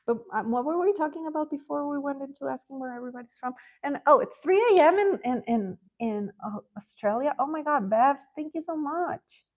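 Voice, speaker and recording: A woman's voice: high-pitched, darkish tone. A middle-aged woman from Ecuador chatting casually as a livestream host, answering comments while coloring, often laughing and rambling.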